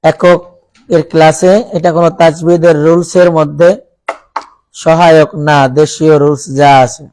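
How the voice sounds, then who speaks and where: A man teaching Quran recitation in a college classroom with a Bangladeshi accent, reciting Arabic examples slowly and quizzing his students. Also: a little high, flat delivery, darkish tone, low-quality recording. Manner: slow, drawn-out recitation of Arabic words as examples; asks the class questions and has them repeat.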